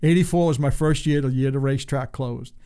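Gravelly older man telling a long story. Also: mid-range voice, steady tone, brisk, warm tone. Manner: rambling, acts out quoted voices. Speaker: guest, former race car driver. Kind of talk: casual storytelling interview.

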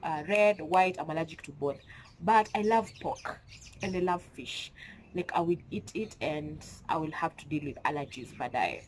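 Young Kenyan woman vlogger, low-voiced, stuffy-nosed, emphatic and chatty. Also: moderate pace, a little hiss or hum, rough recording. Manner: chatty, mixing in Swahili slang, emphatic. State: stuffy nose from a cold. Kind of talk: casual chat to camera. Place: at home.

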